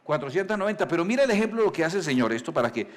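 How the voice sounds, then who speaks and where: A male pastor, preaching in a conversational storytelling style, asking the congregation questions and reading scripture slowly. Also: a little high, sing-song. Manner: reads scripture slowly and deliberately. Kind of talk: sermon.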